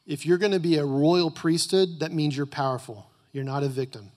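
A man's voice: on the high side, normal speed, darkish tone. A man preaching a motivational sermon in an emphatic, exhortative manner, repeating phrases and prompting his listeners to respond. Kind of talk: motivational sermon, teaching and declarations.

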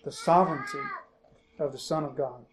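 A middle-aged pastor preaching an expository sermon, rising with emphasis on quoted verses and slowing to stress key words. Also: male voice, a little high, wildly swooping pitch, background noise.

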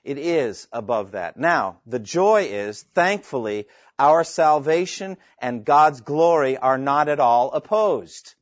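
A man's voice: mid-range voice, animated, takes it slowly, no echo. A man teaching a classroom lecture on evangelism, earnest and emphatic, quoting scripture with rising intensity. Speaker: seminary instructor. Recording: dull, dry lo-fi classroom recording.

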